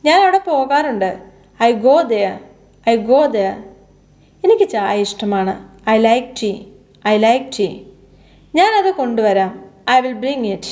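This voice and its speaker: A woman with a Malayali accent teaching English, reading short sentences and repeating each English one twice, slowly and clearly. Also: fairly high pitch, big pitch swings, a little mellow. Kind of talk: slow drilled sentence reading.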